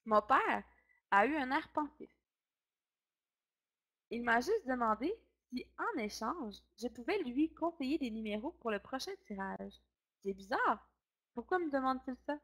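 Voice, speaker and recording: A woman storyteller reading a children's story aloud in the first person, with expressive narration. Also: a little high, moderate pace, long pauses.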